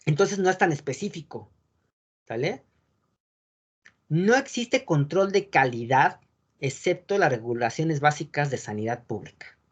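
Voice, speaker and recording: A man teaching an online wine course over a video call, explaining patiently and often checking in with quick tag questions. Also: on the high side, slightly rough, highs cut off. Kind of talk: online class lecture.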